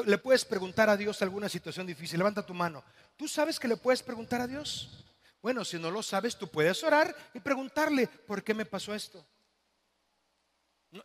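A man with a Mexican accent preaching a sermon as pastor, swinging between loud, dramatic passages and hushed, quiet ones. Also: high-pitched, big-room sound. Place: church.

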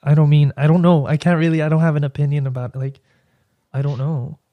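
Hesitant Mexican-accented man, higher voice. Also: steady tone, quick pace, no room sound, phone-quality sound. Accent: Mexican Spanish. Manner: rambling, hesitant storytelling with many restarts. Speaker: podcast guest. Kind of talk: casual chat.

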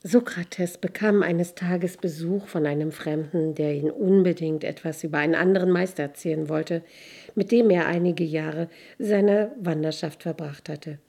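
A woman hosting a podcast, reading a story aloud in a calm, gentle way. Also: lowish voice, normal speed, gravelly. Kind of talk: scripted narration.

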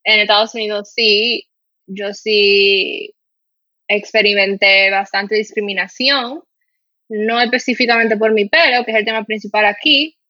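Woman from Latin America, candid and reflective, chatty with fillers; bright tone, dry and slightly dull recording. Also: medium pitch, fairly even intonation, unhurried, dry recording. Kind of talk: casual conversation.

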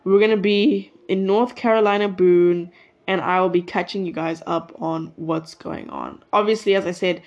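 Speaking at a moderate pace with fairly even intonation, a nineteen-year-old rambles chattily on her solo podcast, often interrupting herself. Her lowish voice has a darkish tone, and the phone-plugged mic gives a lo-fi sound.

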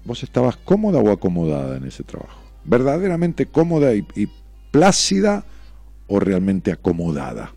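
Argentine guy on a radio show, gravelly low voice, mellow dark tone, snarky and swearing a lot. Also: huge pitch swings, moderate pace, no echo, soft background music. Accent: Rioplatense Argentine Spanish. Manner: sarcastic, provocative, swears freely. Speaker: radio host answering listener messages. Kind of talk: blunt on-air commentary reading messages.

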